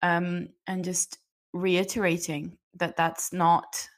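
A woman speaking as a guest parenting coach, giving advice in a lively, animated way and acting out phrases to say to a child. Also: on the low side, takes it slowly.

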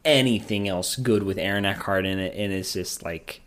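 A man's voice: low-pitched, normal speed, fairly bright tone. A man co-hosting a podcast in casual chat, rambling and profane, laughing often. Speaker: podcast co-host.

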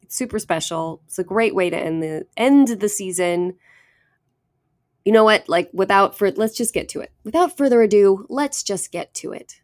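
A woman's voice: mid-range voice, lively intonation, moderate pace, darkish tone. A woman from Northern California hosting a podcast in an upbeat, chatty way and laughing easily. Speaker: podcast host. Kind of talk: casual chat.

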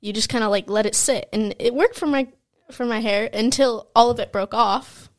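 A woman's voice: on the high side, moderate pace. A young woman co-hosting a podcast, chatting casually and rambling through stories with frequent giggles. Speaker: podcast co-host. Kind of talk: casual chat.

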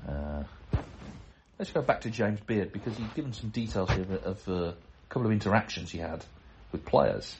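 A man's voice: fairly low pitch, animated, moderate pace, a little mellow, slight background noise. A middle-aged man hosting a podcast, reading listener letters aloud in a chatty way, breaking off with chuckles and self-deprecating asides. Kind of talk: casual chat and letter reading.

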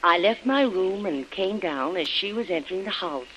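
In a muffled, noisy old radio recording, a woman acts in a 1940s drama as Helen, an anxious young wife recalling her ordeal. Her natural voice is medium in pitch and fairly bright, with lively intonation at a normal speed. The recollection comes across as earnest.

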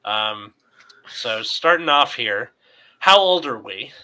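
Male podcast host, 20s, tense bright tone, loose and profane, medium pitch. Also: expressive, slow, smooth, poor audio. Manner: rambling, swears freely. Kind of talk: casual chat.

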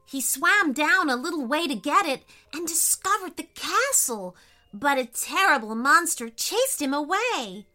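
A woman voicing an excitable, chattering young female squid in a children's story, gushing and breathless. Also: sits high, unhurried, voice pushed up, heavily acted. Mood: excited.

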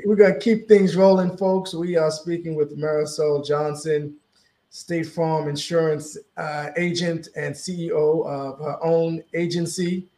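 A male radio host asks long, rambling questions in an upbeat way. His voice sits a bit high for a man, and the room around him is echoey. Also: fairly even intonation, a little slow, warm tone. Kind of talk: radio interview. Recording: roomy echo.

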